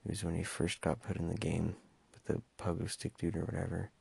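Young man, deep flat voice, hesitant, stumbling, casual monologue, dry close sound. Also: fairly quick, creaky, breathy edge, dry recording. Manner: hesitant, stumbling with many fillers. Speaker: podcast host.

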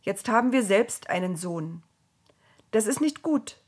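Woman doing grumpy old wife, curt, breathy. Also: medium pitch, lively intonation, a little slow. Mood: insistent. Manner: curt and insistent. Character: sulky, determined old wife.

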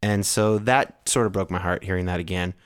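A male podcast host speaks in a fairly low voice. His delivery is casual and conversational, as if talking things through with a co-host. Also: fairly even intonation, a little fast, smooth. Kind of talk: casual co-hosted podcast chat.

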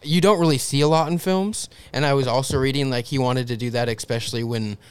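A man's voice: mid-range voice, steady tone, fast, smooth, dry recording. A man co-hosting a podcast, chatting casually about a film and filling his sentences with "like.". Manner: casual, heavy use of "like". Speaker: podcast co-host.

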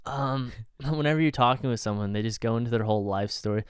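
A man's voice: mid-range voice, fast talker, smooth, no room sound, clean studio sound. A young man co-hosting a podcast, playful and teasing, laughing a lot in casual chat. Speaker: podcast co-host. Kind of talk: casual banter.

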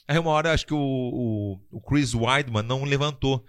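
A man's voice: mid-range voice, normal speed, a bit bright, clean tone. A man telling a story in casual podcast chat, acting out quotes and laughing often. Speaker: podcast guest telling a fight-world story.

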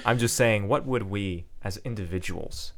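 A young man with a somewhat low voice co-hosts a casual podcast chat. He rambles and jokes, trailing off into fillers as he goes. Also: moderate pace. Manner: rambling, joking, many fillers. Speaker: podcast co-host.

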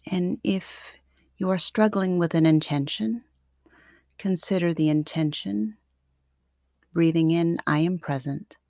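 A woman guiding a sleep meditation like a sleep story narrator, soothing and unhurried, with long pauses between short phrases. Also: lowish voice, darkish tone, no echo, studio quality. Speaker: yoga nidra meditation teacher.

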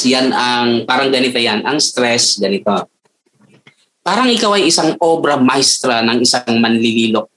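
A male doctor explains at an unhurried, measured pace, throwing rhetorical check-ins at the listener. His voice sits at an ordinary pitch. A faint hiss runs underneath the recording. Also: fairly bright tone, rough recording. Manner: rhetorical questions, repeats "okay?" and "di ba?". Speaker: guest doctor. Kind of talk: slow explaining talk.

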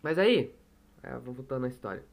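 A man's voice: mid-range voice, sing-song, fast talker, vocal fry. A young man from Brazil telling a long casual story at home, rambling and cursing, often restarting his sentences. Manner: rambling, profane, self-correcting. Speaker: storyteller vlogger. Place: room at home on a noisy street. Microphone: desktop microphone.

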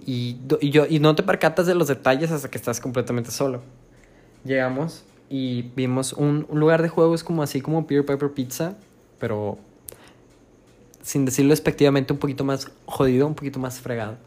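Rambling young Mexican man telling a story. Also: medium pitch. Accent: Mexican Spanish. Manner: rambling, slangy, many restarts and fillers. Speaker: podcast host. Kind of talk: casual storytelling podcast.

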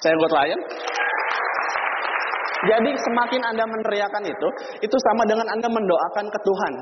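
Brief: high-pitched man, motivational speaker quizzing the crowd, in a reverberant hall. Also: normal speed, noisy background. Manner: lively, addresses audience directly with questions. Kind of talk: motivational seminar talk. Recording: dull recording with long hall reverb.

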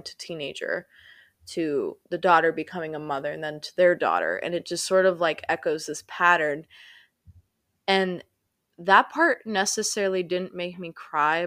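A young woman co-hosts a podcast, chatting casually and rambling with lots of fillers while reviewing a film. Her voice is low and creaky with a fairly bright tone, recorded dry with clean studio sound.

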